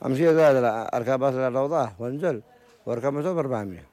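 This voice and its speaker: A man's voice: medium pitch, very fast, darkish tone. A Yemeni man being interviewed at an outdoor market, giving short, repetitive answers. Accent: Yemeni Arabic. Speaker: guest.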